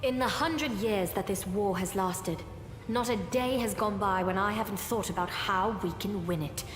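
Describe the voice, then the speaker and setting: A woman's voice: medium pitch, lightly acted. Woman playing a stern crusade leader, echoing hall. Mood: firm, stern. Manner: formal, deliberate, commanding. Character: stern, righteous female crusade leader of high authority. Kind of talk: dramatic fantasy game acting. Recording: echoey hall reverb over music.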